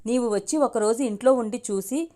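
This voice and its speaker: A woman's voice: on the high side, a little fast, mellow, natural voice. Earnest young man, read by a woman storyteller; soothing and reasoning in an audiobook. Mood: pleading.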